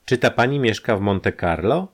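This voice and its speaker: A man's voice: fairly low pitch, lively intonation, moderate pace, pitched above the performer's own voice. A man voicing a wealthy American tennis player who asks casual, eager questions. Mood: curious. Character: rich, carefree male American tennis star.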